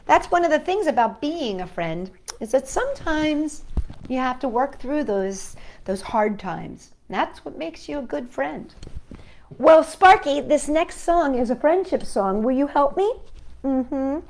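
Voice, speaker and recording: Reading picture books to children, this storytime host speaks a little slowly in a high-pitched voice full of lively intonation. Her manner is gentle and sing-song, and she leads a call-and-response song with a puppet.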